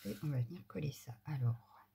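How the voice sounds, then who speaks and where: A woman talks through a crafting tutorial in a chatty, easygoing running commentary. Her voice is heavily gravelly and mellow, and now and then she drops to muttered asides. A faint hiss sits under her voice. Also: a bass voice, a little fast.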